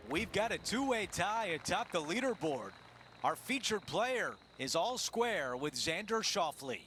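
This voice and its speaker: A man's voice: high voice, big pitch swings, unhurried, sharp tone, a little hiss or hum, full character voice. A man playing a golf commentator, giving scores and shot calls in a video game broadcast style. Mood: animated. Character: animated male golf announcer following the leaderboard. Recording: music and crowd behind the voice.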